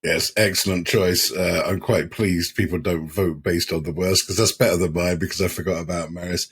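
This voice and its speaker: Sardonic husky man. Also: low voice, fairly even intonation, normal speed, a bit bright. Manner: blunt, sardonic. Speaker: podcast co-host. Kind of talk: casual comedic ranking chat.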